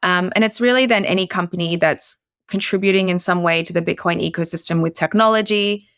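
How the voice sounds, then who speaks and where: A woman's voice: on the low side, brisk, a bit bright, clean tone, dry recording, clean studio sound. A woman from Australia, a guest investor on a podcast interview, chatty with many fillers and restarts.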